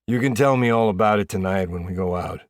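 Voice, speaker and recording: Brief: male narrator voicing a laid-back hockey teammate, wry and relaxed, lowish voice, dry sound. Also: quick pace, no echo, natural voice. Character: hockey player friend, young man, easygoing.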